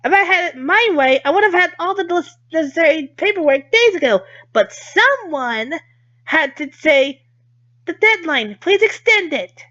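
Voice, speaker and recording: A man's voice: very high-pitched, lively intonation, measured pace, sharp tone, dull audio, pitched above the performer's own voice, full character voice. A man voicing a bubbly schoolgirl who relays a strict student council president's lectures in a bossy, emphatic way. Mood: scolding.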